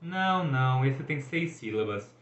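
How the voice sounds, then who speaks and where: A man's voice: animated, unhurried, a bit bright. A man voicing a cocky, boastful young male sun god in a showy, teasing manner. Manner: showy, teasing, high-spirited. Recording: echoey, dull room recording.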